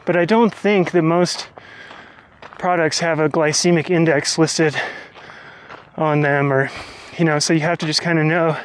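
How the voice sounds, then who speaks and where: High-voiced man in a casual vlog. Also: steady tone, unhurried. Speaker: vlog host. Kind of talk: casual, explanatory vlog talk. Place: outdoors on a trail.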